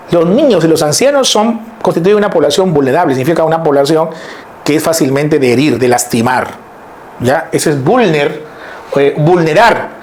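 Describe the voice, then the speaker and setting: High-voiced male teacher, lively lecture. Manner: lively, explains step by step, keeps checking in with listeners. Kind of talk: classroom lecture on word roots.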